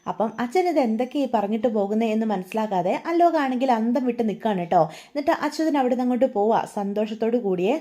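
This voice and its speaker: A woman storyteller retells a family drama in a chatty manner, often turning to her listeners. Her voice is fairly high with a soft, mellow tone. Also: animated, very fast. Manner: chatty, addressing listeners with tag words. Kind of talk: retelling a TV serial episode.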